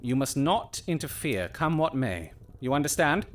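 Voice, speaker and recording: An animated, commanding Sherlock Holmes. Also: male voice, on the high side. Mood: intent, commanding. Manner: theatrical, deliberate, formal diction. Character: Sherlock Holmes, shrewd, commanding Victorian gentleman detective. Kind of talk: period audio drama acting.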